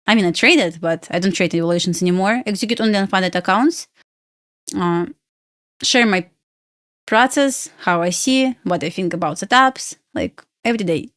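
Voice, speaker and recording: Streaming live as a futures day trader, this woman from Belarus, a native Russian speaker, talks at normal speed in a mid-range, slightly bright voice. The audio is clean studio sound without echo. Her casual chat is bubbly and giggly, with loose non-native grammar.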